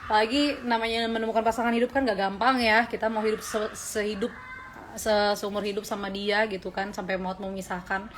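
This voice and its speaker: A woman's voice: mid-range voice, little pitch movement, brisk, background noise. A woman in her twenties talking casually on a livestream, answering viewers' questions with earnest, faith-centred advice. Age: 20s.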